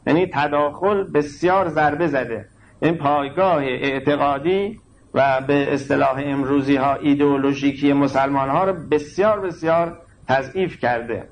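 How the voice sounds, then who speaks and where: A man giving a sermon that explains scripture, with emphatic delivery that moves between slow stressed words and quick asides. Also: on the high side, highs cut off, slight background noise. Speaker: religious lecturer.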